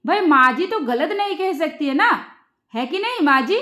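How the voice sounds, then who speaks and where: A crafty young daughter-in-law, put on by a woman narrator in a storybook telling. She talks in a sugary, falsely innocent way and keeps a quiet sting in her words. Her voice sits very high, and the room around it echoes. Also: lively intonation, moderate pace. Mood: teasing. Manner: feigned innocence, sweetly pointed. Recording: roomy echo.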